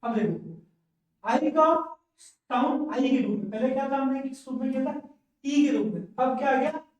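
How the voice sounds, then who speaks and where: A man teaching English pronunciation in a classroom lesson, slowly repeating each word twice for learners to echo. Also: very high-pitched, highs cut off. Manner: says each word twice, slow drilling. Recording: very echoey room, voice from far off.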